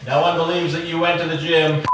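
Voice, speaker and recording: A man's voice: fairly high pitch, flat delivery, a little fast, echoey room, heavy background noise. A man off camera, heckling the cook with dry, teasing remarks. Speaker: off-camera co-host. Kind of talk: teasing banter.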